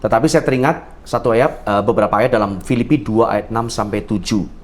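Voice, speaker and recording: Deferential low-voiced question reader. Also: male voice, fairly quick. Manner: polite, deferential. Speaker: co-host reading viewer questions. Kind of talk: reading questions aloud, brief acknowledgments.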